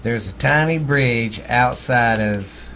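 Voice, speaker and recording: This middle-aged Texan co-hosts a podcast, swapping ghost stories in a blunt, folksy, profane way with a Texan accent. His mid-range voice is fairly bright and slow-paced, with slight background noise.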